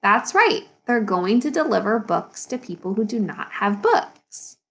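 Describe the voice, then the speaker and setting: With vocal fry in her medium-pitched voice, a woman acting as an elementary school teacher reads a children's picture book out loud. Her delivery is expressive and teacherly, broken by pauses where she explains and asks questions.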